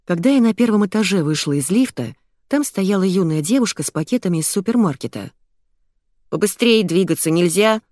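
A woman's voice: mid-range voice, lively intonation, fast, warm tone, no echo, studio quality. A woman reading first-person narration in an audiobook with a wry, conversational manner.

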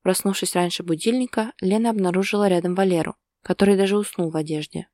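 A woman narrating a story in a calm, even storytelling manner. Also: mid-range voice, fast, no echo, studio quality.

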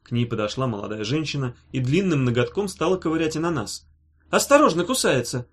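A man reading a novel aloud in an even, measured narration. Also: medium pitch. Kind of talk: scripted narration.

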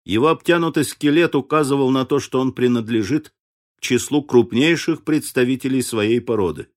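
Man reading an audiobook aloud. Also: medium pitch. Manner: measured, expressive reading. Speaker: audiobook narrator. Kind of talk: scripted literary narration.

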